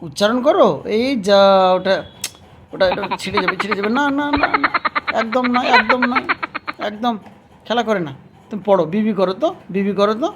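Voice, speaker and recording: A woman patiently quizzing a young child at home, repeating her questions and coaxing answers, sometimes gently scolding. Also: medium pitch, lively intonation, brisk, heavy background noise. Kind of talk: casual home video chat with a child.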